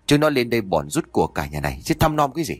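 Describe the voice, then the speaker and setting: A man's voice: mid-range voice, very animated, no echo. A man doing a spiteful mother-in-law. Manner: venomous, nagging and rapid. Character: spiteful scornful middle-aged mother-in-law.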